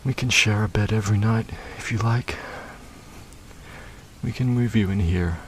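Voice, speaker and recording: A man speaking softly in a comforting audio roleplay, soothing and murmuring, with frequent sighs and hums. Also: lowish voice, moderate pace, slight background noise.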